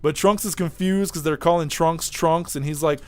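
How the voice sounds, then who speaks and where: A man's voice: fairly high pitch, moderate pace, a little mellow. A young man giving a casual, rambling, offhand video review of an anime episode. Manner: rambling, offhand, chatty with fillers.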